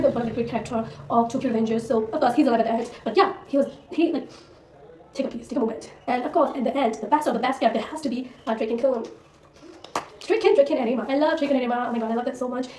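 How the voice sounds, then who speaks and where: Fast-talking young woman gushing about anime. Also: high voice, warm tone. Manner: gushing, chatty, lots of fillers. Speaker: anime vlogger. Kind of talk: casual opinion monologue. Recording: roomy, a little far from the mic.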